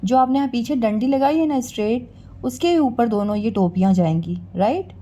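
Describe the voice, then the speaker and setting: A woman's voice: fairly high pitch, expressive, mellow. A woman teaching a children's spelling lesson, sounding out words syllable by syllable in a coaxing way. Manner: slow, drawn-out syllable-by-syllable teaching; coaxing, addresses listeners as children.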